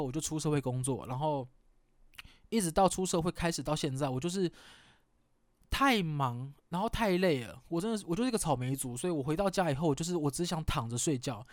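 Self-mocking man, fairly high voice. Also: dry recording, clean studio sound. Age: 30s. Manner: candid, rambling, self-mocking with mild swearing. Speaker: podcast host. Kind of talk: casual chat.

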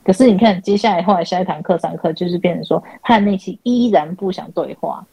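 A woman's voice: on the low side, fast talker, vocal fry, dark tone, breathy edge, dry recording, lo-fi sound. A woman, hosting an online chat and animatedly retelling counseling sessions, acting out quoted dialogue. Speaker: podcast host and spiritual counselor. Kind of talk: casual chat, telling client stories. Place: online chat room call.

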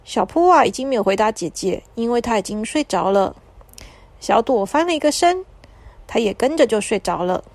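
A woman narrating a bedtime story for children in a soft, soothing manner. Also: on the high side, lively intonation, dry recording. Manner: soft, soothing, slow at the end.

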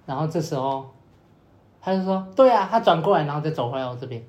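A young podcaster speaks fast in a high-leaning, slightly mellow voice as he rambles through a long story. He keeps repeating fillers and acting out what others said, and the recording has a roomy echo with faint noise.

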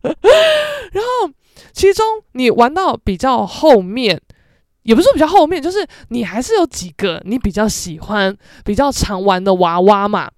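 This podcast host, a young woman with a fairly high voice and a Taiwanese Mandarin accent, speaks at normal speed while sharing family stories in a casual, animated way. She imitates the voices of family members, and the sound is clean studio audio without echo.

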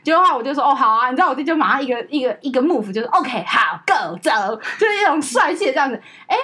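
A woman's voice: sits high, very fast. A woman with a Taiwanese Mandarin accent, co-hosting a podcast and telling a family story in casual chat, acting out her relatives' lines. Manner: animated, acts out family members' lines. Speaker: podcast co-host.

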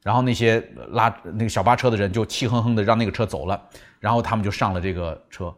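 A man hosting a book summary, retelling the story in an animated way and acting out the quotes. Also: fairly low pitch, fast.

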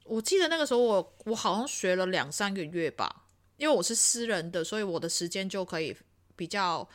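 A woman in her thirties from Hong Kong chatting casually as a podcast host, telling things in an expressive, exclaiming way. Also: medium pitch, fairly quick. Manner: expressive, exclaiming storyteller with frequent laughter. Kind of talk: casual chat.

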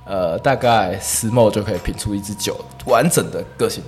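A man who teaches whisky, explaining tasting in a casual chat, quick and quietly confident. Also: fairly low pitch, faint music behind. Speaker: whisky instructor.

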